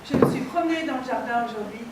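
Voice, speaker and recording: A woman's voice: on the high side, fast talker, close to an everyday voice. An actress playing a sleepless, tentative woman asking odd questions. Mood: hesitant. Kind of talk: stage comedy scene. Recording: distant mic in an echoey theatre, loud noise.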